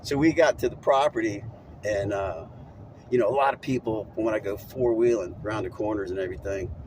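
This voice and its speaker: A man's voice: on the low side, fairly quick, background noise. A middle-aged man vlogging as he drives, telling a rambling, chatty story and laughing at it. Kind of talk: casual storytelling monologue while driving. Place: inside a moving vehicle.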